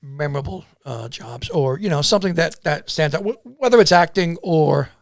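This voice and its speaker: A man hosting an interview, easygoing and joking, asking questions with lots of pauses and fillers. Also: on the high side, lively intonation, gravelly, no room sound, clean studio sound. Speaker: interview host. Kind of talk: casual interview conversation.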